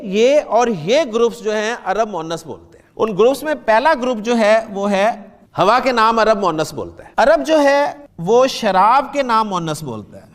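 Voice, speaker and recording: A man's voice: high voice, big-room sound. A man teaching a beginners' grammar lesson, patiently explaining step by step and asking the class questions.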